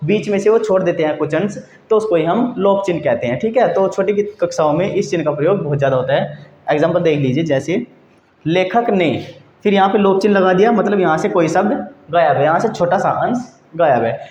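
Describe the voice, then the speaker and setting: A man's voice: high voice, animated, fairly quick, darkish tone. Man teaching grammar in an echoey room. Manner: addresses viewers as friends, repeats "theek hai" often. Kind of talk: explanatory online lesson. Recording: echoey room, dull lo-fi sound, faint noise.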